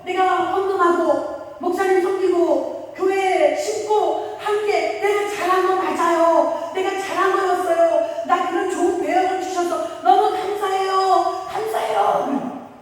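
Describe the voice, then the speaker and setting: Woman preacher acting out a gushing church deaconess lady, high and pleading, roomy and far. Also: fairly even intonation. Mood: grateful, pleading. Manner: drawn-out, pleading and exclaiming. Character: fervent older woman church deaconess, overjoyed and tearful. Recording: echoey hall from far off.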